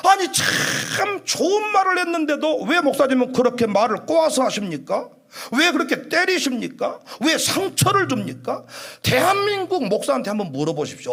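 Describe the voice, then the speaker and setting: A man preaching an animated sermon as pastor, shouting at times and acting out quoted voices. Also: very high-pitched, vocal fry. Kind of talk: lively sermon.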